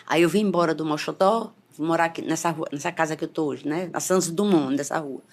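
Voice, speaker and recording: A middle-aged woman giving an emotional church testimony, repeating phrases and rising in pitch as she relives the scenes. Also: quick pace. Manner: repetitive, fervent, voice rising when reliving scenes.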